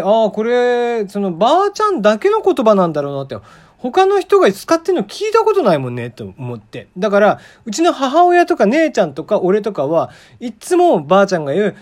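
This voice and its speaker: A Kagoshima man in his forties rambles through his own podcast as a casual, radio-style monologue, heavy with fillers and small chuckles. He speaks in a high voice with a darkish tone.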